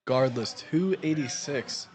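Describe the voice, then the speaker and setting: A man giving excited live commentary at a powerlifting meet, calling each lift and its result. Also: medium pitch, a little slow. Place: powerlifting gym.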